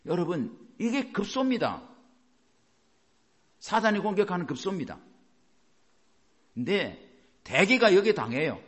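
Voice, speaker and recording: A man's voice: sits high, sing-song, measured pace, long pauses, a bit bright. A male pastor preaching a sermon, emphatic and asking his congregation rhetorical questions.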